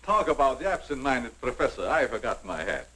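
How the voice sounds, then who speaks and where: An actor playing a sly, aggrieved mad scientist in 1940s horror film style, measured and theatrical with veiled menace. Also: male voice, mid-range voice, very animated, sharp tone, slight background noise, poor audio. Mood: falsely polite.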